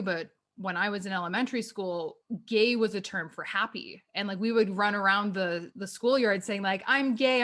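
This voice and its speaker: A woman's voice: medium pitch, fairly bright tone. A woman in her mid-twenties hosting a podcast, talking earnestly in a casual chat with many fillers. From Canada. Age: 20s. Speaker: podcast host.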